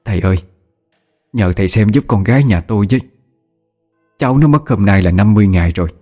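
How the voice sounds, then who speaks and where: A man's voice: fairly low pitch, animated, fast talker, mellow, soft background music. A man voicing a grieving middle-aged mother who pleads through tears. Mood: pleading. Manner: pleading, tearful.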